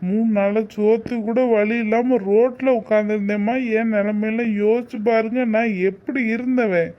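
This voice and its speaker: A man's voice: sits high, steady tone, normal speed, lo-fi sound, lightly acted. A man voicing a bitter young man who speaks angrily and resentfully. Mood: angry. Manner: angry, resentful. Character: bitter young village man, disowning his mother.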